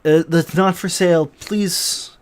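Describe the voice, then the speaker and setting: A man's voice: high voice, fairly even intonation, takes it slowly, clear, resonant tone, pitched above the performer's own voice. A man voicing an anxious, proud male toy maker in a tabletop game, pleading and imploring.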